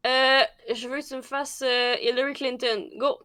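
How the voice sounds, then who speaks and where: A Quebec French woman comedian with a bright, sharp tone. She teases in a deadpan way, and the sound is close and dry. Her pitch runs a touch high. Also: moderate pace, clear, resonant tone, dry recording. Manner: teasing, deadpan prompting. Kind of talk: comedic improv chat.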